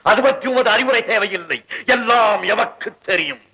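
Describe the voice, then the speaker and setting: An actor playing a haughty god disguised as a poet, speaking in a lofty, commanding, formal way in a 1960s film drama. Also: male voice, high voice, expressive, normal speed. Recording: muffled 1960s film soundtrack.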